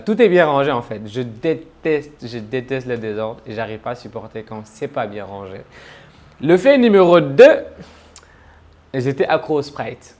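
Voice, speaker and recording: A travel vlogger from Senegal talks casually to the camera about himself, chatty and joking at his own expense. His voice is mid-range with a darkish tone.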